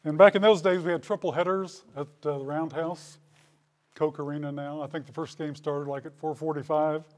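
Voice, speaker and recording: Standing at a podium mic in a school hall with brick walls, a man close to seventy gives his hall of fame acceptance speech, spinning folksy old stories with dry wit. His voice is on the high side, a little mellow, fairly quick, and fairly even in intonation.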